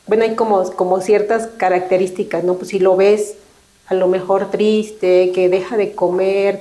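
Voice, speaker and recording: A woman's voice: lowish voice, warm tone, low-quality recording. A middle-aged woman, a thanatologist guest talking reflectively and unhurriedly in an interview, often checking in with short tag questions. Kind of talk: conversational interview.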